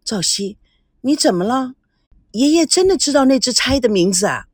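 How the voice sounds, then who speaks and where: A woman voicing a composed adult woman who speaks in a measured, dry way, with a breathy tone. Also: sits high, lively intonation, no room sound, pitched above the performer's own voice. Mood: uneasy.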